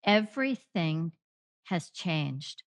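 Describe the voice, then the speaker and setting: A woman hosts a reflective podcast talk, her voice sitting a little low. She speaks slowly and gently, pausing often as she searches for her words. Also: sing-song. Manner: slow, gentle and searching, with long pauses. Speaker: podcast host. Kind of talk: reflective conversational interview.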